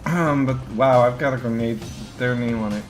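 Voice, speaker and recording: A man's voice: mid-range voice, moderate pace, soft background music. A man giving casual, sweary gameplay commentary and reading the game's text aloud as he plays. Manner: casual, profane. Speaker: video game player narrating playthrough.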